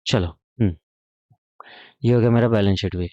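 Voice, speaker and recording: A man's voice: on the low side, normal speed, warm tone, dry recording. Playful male accounting teacher. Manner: playful, bantering with students. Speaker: commerce teacher. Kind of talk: whiteboard accounting lesson. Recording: dull, dry lo-fi sound.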